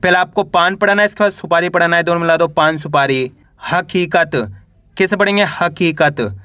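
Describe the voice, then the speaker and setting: A man teaching Hindi reading. He spells each syllable slowly, then says the whole word, and speaks to viewers as friends. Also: on the high side, bright, forceful tone, no echo, clean studio sound. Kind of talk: slow syllable-by-syllable reading lesson.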